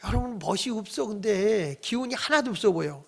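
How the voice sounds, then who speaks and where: High, gravelly-voiced male pastor preaching. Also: expressive, fairly quick. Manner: dramatic storytelling, acting out dialogue with shouts and whispers; urges the congregation to respond. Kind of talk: sermon.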